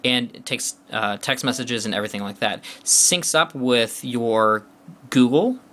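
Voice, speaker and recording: A man with a bright, forward voice walks through a phone's features in a casual demo. He talks along as he taps, loose and chatty, full of uh's and restarted sentences. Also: mid-range voice, a little slow. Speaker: phone reviewer.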